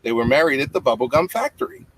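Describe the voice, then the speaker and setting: A man in his fifties, a parent reading a storybook, tells a bedtime tale with simple asides for young listeners. His medium-pitched, fairly bright voice moves at a quick pace with huge pitch swings. The home webcam audio, from a small room with a low tiled ceiling, is clearly noisy with clicks.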